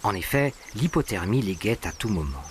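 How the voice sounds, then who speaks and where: A man's voice: on the low side, big pitch swings, moderate pace, slight background noise. A man reading scripted narration for a nature documentary. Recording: animal and bird sounds behind. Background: birdsong and natural ambience.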